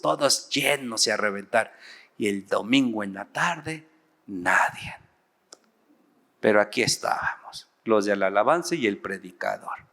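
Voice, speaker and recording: A middle-aged pastor with a Mexican accent, telling a story in a lively, animated sermon straight to his congregation. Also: medium pitch. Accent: Mexican Spanish. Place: large church auditorium. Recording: long church reverb.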